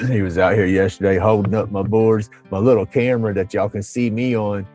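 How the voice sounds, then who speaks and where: An older man talks in a low, mellow voice, rambling folksily and laughing often. Soft music plays faintly behind him on a casual livestream. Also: fairly even intonation, brisk, poor audio. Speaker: livestream host. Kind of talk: casual chat.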